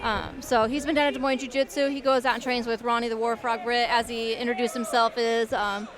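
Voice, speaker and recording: A woman giving casual live fight commentary, reacting excitedly to the action. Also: on the high side, brisk. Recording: noisy live event with crowd.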